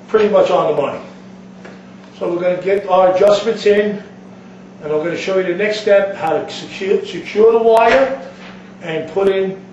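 In a roomy, noisy kitchen recording, an instructor demonstrates plumbing step by step in plain words. His high-sitting voice has a darkish tone, and the sound is dull and lo-fi, with the mic placed at a distance.

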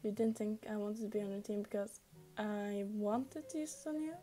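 A woman voicing a quiet, hurt teenage boy hero, speaking his lines in a subdued, hesitant way as she reads a fan story aloud. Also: mid-range voice, moderate pace, faint music behind, close to an everyday voice.

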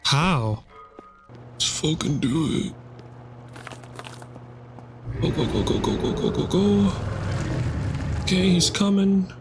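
A man's voice: high-pitched, very animated, takes it slowly, pauses often. A young man doing nervous horror game commentary, muttering and swearing to himself like a scared streamer. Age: young adult. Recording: clearly noisy, game ambience behind.

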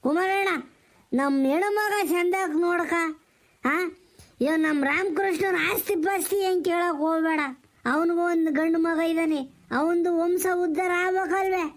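A man playing a tipsy middle-aged village elder who pleads slowly and repeats himself. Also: extremely high pitch, fairly even intonation. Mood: pleading. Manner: slow, pleading, repetitive.

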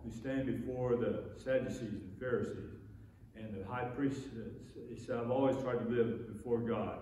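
Middle-aged pastor preaching in an echoey empty church. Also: male voice, mid-range voice, dark tone, slight background noise. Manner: earnest preaching with frequent restarts and repetitions. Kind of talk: sermon. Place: small church sanctuary with empty chairs, indoors. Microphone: far camera facing the pulpit. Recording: very echoey, dull church room recording.

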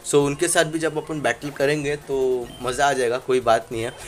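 Recorded on a phone, a young gaming channel host commentates casually on a handheld game in Let's Play style, wandering off topic with frequent fillers and English words thrown in. His medium-pitched voice is flat, at a normal speed.

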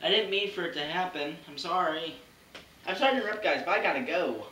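A young man in a homemade comedy sketch, apologetic in manner. His voice is high and lively in pitch, recorded in an echoey room. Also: fast talker, far from the mic. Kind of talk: amateur comedy sketch acting. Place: room in a house. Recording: echoey home room, off-mic, faint noise.

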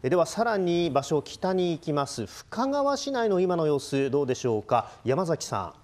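A man's voice: fairly high pitch, sing-song, moderate pace. A man presenting a live news broadcast as anchor, giving advice and handing over to reporters.

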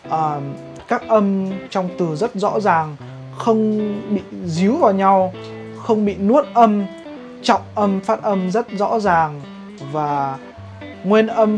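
A woman from Vietnam teaching English pronunciation in a vlog, explaining in a measured way. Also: medium pitch. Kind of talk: vlog lesson commentary. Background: guitar music.

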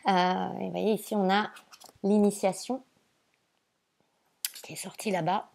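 A woman giving a casual oracle card reading as a spiritual guide. She speaks in a halting, gentle and reassuring way, with many fillers and repeated words. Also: mid-range voice, flat delivery, creaky.

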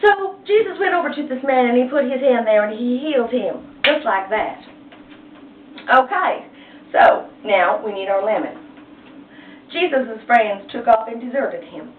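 A woman with a fairly high, lively voice gives a casual painting lesson at an easy pace, chatting playfully as she retells a story in slang. The recording sounds tinny and distant, as if she's far from the mic in an echoey room, with slight background noise.

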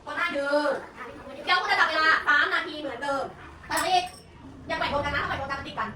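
Brief: woman teacher, high bright voice, patient and prompting, echoey room, mic far off. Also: fast talker, some chatter behind. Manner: patient, prompting, repeats each word back. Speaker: primary school teacher. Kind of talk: classroom phonics lesson for young children. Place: classroom. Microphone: room recording from a distance. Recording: echoey classroom from far off with background noise.

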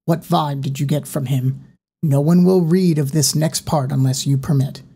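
Woman voicing a businesslike investigator in an audiobook, calm direct questions, low dark voice. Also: normal speed, slightly rough, exaggerated voice. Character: measured adult police investigator.

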